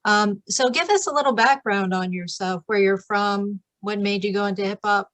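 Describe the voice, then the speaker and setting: A woman's voice: medium pitch, normal speed, fairly bright tone, no echo. Woman, interviewer, short upbeat prompts, dry close sound. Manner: brief, encouraging prompts. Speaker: interviewer, host. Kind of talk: interview questions.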